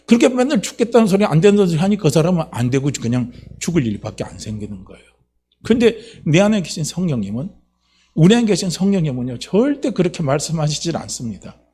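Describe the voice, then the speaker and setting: A male pastor delivering a Sunday sermon, swinging between hushed low lines and loud emphatic exclamations. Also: sing-song, quick pace, slightly rough. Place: church sanctuary.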